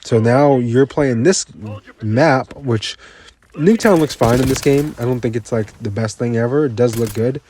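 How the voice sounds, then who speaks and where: A man's voice: medium pitch, moderate pace, dark tone, a little hiss or hum. A man giving casual gaming commentary, ranting bluntly and repeating himself, a bit tired, with faint game sounds behind him.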